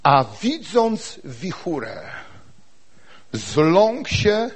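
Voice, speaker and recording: A man preaching a sermon in an animated way, often putting rhetorical questions to the congregation. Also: high voice, drawn-out words, slightly rough.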